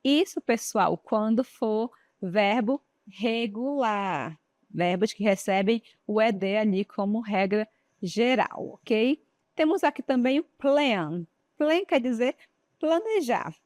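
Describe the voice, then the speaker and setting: A woman with a Brazilian Portuguese accent teaches an English lesson at an unhurried, patient pace, stopping often to check that her students follow. Her voice sits a little high for a woman, and the dry studio sound leaves no room echo. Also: lively intonation, a little mellow. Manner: explains step by step, checks understanding with frequent tag questions. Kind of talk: classroom lesson.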